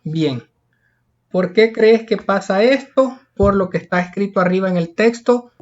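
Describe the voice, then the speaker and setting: A man's voice: high voice, moderate pace, darkish tone. A male teacher, patiently explaining a lesson step by step and repeating key points. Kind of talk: recorded classroom lesson. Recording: dull lo-fi recording.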